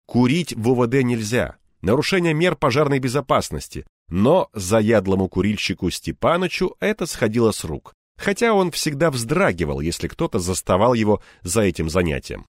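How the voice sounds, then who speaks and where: A man's voice: medium pitch, big pitch swings, normal speed, few pauses, no echo, studio quality. A man narrating an audiobook in the first person, in a wry, conversational storytelling manner.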